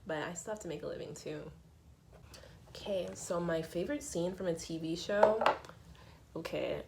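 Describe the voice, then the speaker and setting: A woman in her twenties chatting casually as a beauty vlogger, telling stories while doing her makeup and acting out quotes in a higher voice. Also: moderate pace, vocal fry, slight background noise, poor audio. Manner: animated, acts out quotes in a higher voice.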